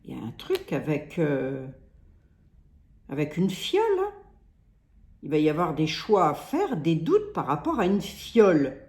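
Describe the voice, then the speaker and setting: A woman's voice: sits low, wildly swooping pitch, a little slow, long pauses, a little mellow, echoey room. A woman with a Lorraine accent reading tarot cards in a casual, rambling way, often restarting her sentences. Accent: Lorraine French. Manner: rambling, hesitant, full of restarts and "hein". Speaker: tarot reader. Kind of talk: casual card reading monologue.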